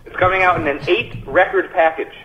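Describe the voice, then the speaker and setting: A man's voice: high-pitched, fairly quick, slight background noise. A man talking loosely and crudely on speakerphone during a phone interview, rambling with laughs. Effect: on speakerphone over a phone call. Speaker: band member interviewed by phone. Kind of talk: casual joking chat. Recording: muffled, tinny speakerphone line.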